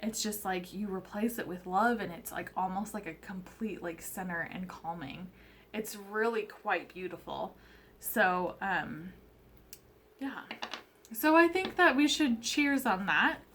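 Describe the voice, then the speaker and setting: Young woman vlogger, slow and chatty, Valley girl manner, lots of ums and likes. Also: mid-range voice, fairly bright tone, a little hiss or hum. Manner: chatty, rambling, many likes and ums, laughs often; upbeat Valley girl way of talking. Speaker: tarot channel host. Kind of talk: casual chat to camera.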